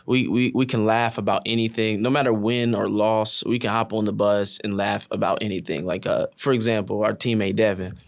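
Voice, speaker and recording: A young man with a somewhat low voice talks casually about his team. His speech is loose and full of fillers. It brightens and livens up when he retells funny moments. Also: fairly quick, creaky, hardly any pauses. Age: young adult. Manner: relaxed, many fillers like "you know", animated when telling stories. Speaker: college wrestler, team captain. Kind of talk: casual interview chat.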